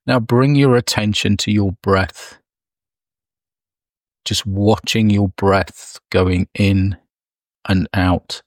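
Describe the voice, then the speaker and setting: A man leading a guided meditation, speaking softly and soothingly with long pauses. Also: fairly low pitch, steady tone, no echo, clean studio sound. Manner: slow, soft, soothing delivery with long pauses.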